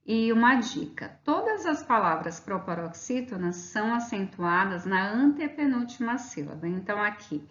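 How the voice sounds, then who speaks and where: A woman teacher explains a grammar lesson from her slides, patient and methodical, drawing out example words slowly. Her voice sits in a roomy space with noticeable echo. The sound is dull and slightly lo-fi. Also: medium pitch, very animated, a bit bright.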